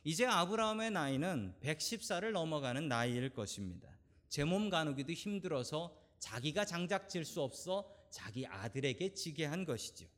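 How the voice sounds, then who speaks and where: Lively preaching Korean pastor. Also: male voice, a little high, normal speed. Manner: preaching with rising emphasis and direct questions to the congregation. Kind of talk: sermon.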